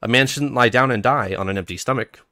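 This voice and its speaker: A man's voice: medium pitch, fast talker, sharp tone, dry recording, lightly acted. Wry male jester, read by a man: frank, kind, dry delivery, slightly lifted voice, dry close sound. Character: wry older male court jester, blunt yet kind.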